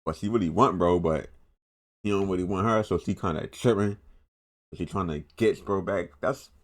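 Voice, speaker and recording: Speaking at a moderate pace in a low voice, a young reaction video host with an American accent offers casual, off-the-cuff commentary. He rambles, repeats himself, and leans on slang.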